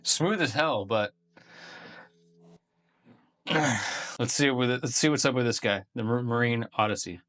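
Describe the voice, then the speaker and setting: A man's voice: mid-range voice, measured pace, pauses often, a bit bright. A man hosting a casual beer-tasting review video, talking in a laid-back, profane, slangy way.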